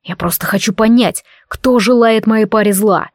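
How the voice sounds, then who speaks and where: A woman's voice: a little high, moderate pace, dry recording, clean studio sound. Woman reading as a growling male berserker. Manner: growling, barely restrained. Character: fierce possessive male berserker lover.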